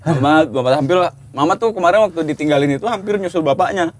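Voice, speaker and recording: A man's voice: fairly high pitch, fast, a little hiss or hum. A man in casual chat-show banter, laughing as he tells jokes in slangy talk.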